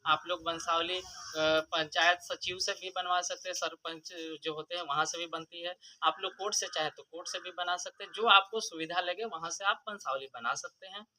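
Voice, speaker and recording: A man's voice: high-pitched, fairly even intonation, normal speed, bright, forceful tone. A man, a survey official explaining procedures patiently at a village meeting, repeating key points. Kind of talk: public address at a village meeting. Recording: noisy field recording.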